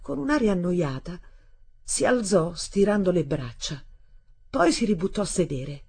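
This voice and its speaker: A woman reading a literary novel aloud in a measured, expressive way. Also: on the low side, breathy edge. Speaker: audiobook reader. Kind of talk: literary audiobook narration.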